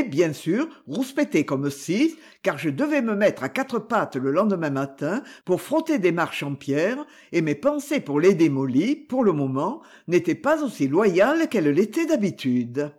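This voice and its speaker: Un homme qui lit un roman à voix haute, une narration écrite et expressive à la première personne. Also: male voice, sits high, breathy edge. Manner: expressive first-person reading. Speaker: audiobook reader. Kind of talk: scripted narration.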